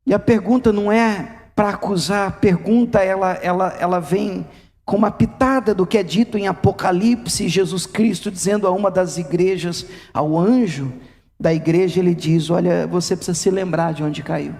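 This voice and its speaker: Impassioned Brazilian pastor in echoey church. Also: male voice, sits high, moderate pace, darkish tone. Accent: Brazilian Portuguese. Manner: impassioned, acts out cries of despair. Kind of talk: sermon. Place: church hall.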